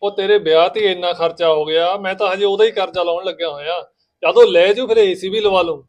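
A man playing a village husband caught between his wife and his sister, talking in a rapid, pleading way in a family skit. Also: high-pitched, fairly even intonation, natural voice.

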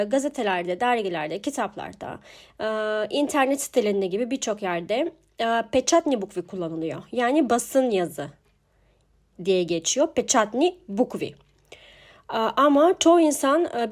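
A young woman teaching a language alphabet lesson, pronouncing each word slowly and repeating it twice. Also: a little high, a little mellow. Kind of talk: slow spoken alphabet lesson.

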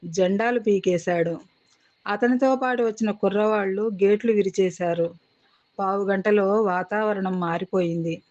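A woman's voice: medium pitch, a little slow, darkish tone, muffled recording. Woman reading a short story aloud. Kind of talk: audiobook narration of a short story.

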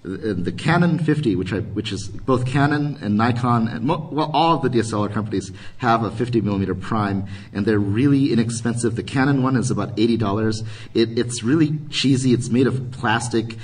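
A man's voice: medium pitch, fairly quick, husky, far from the mic, poor audio. A man giving a photography workshop at a convention, talking casually with many ums and restarts. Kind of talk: live convention workshop talk. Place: convention panel room.

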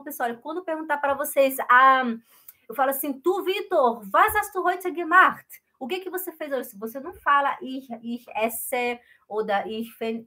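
A woman teaching German in a live online lesson, switching between quick chatty explanation and slow, careful drills, acting out small dialogues with her students. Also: sits high, sharp tone. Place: home.

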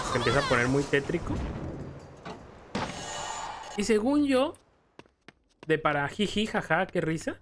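A young man with a Mexican accent and a slightly high voice commentates on gameplay, with background noise and game music behind him. Casual and rambling, he stammers while telling stories and acts out scared quotes.

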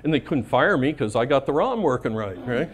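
At a conference, a middle-aged speaker tells a live audience workplace anecdotes in a casual way, swearing freely, laughing at his own stories, and repeatedly throwing "right?" out to the crowd. His voice sits at an ordinary middle pitch with a brisk, sing-song delivery, over slight background noise.

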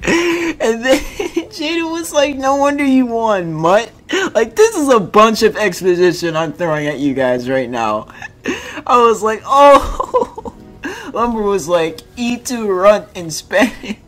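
Giggly young streamer, unhurried delivery. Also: mid-range voice. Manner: giggly, breaks into laughter often; slangy, casual, excitable. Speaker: gaming streamer. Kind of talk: casual gaming commentary, reading chat messages aloud.

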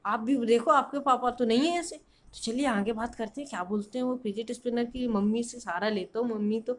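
A man's voice: very high-pitched, brisk, fairly bright tone, voice pushed down. A young man playing a whiny teenage son who pleads with his parents for a toy in a comedy sketch. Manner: whining, pleading.

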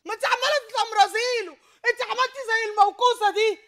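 Wailing older Egyptian woman, very high. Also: fairly even intonation, fast talker, a bit bright. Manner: wailing, accusing, self-pitying. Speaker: prank participant. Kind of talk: heated confrontation.

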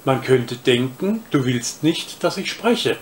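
A man reading aloud and voicing a prim, superior female porcelain cat that speaks slowly and condescendingly. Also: mid-range voice, expressive, a little hiss or hum. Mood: haughty.

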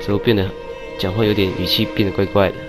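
Excitable man playing a game. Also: fairly low pitch, quick pace. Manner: excitable, shouts and groans at deaths, teasing banter with enemies. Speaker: gaming YouTuber. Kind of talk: casual let's-play commentary. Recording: game music playing behind.

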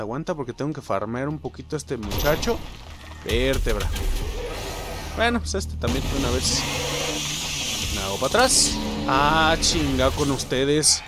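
A man with a Mexican accent playing a shooter video game, giving loud excited commentary, swearing constantly and talking to the enemies and the viewers. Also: mid-range voice. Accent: Mexican Spanish. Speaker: gaming video host. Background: game music.

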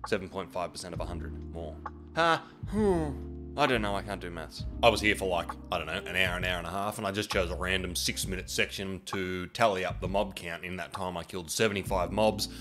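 A man's voice: deep voice, fairly quick, over music. A man with a nasal, stuffy voice from a lingering cold, rambling casually through a game guide as the host. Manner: rambling, chatty, self-deprecating. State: sick with a cold. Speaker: gaming video host.

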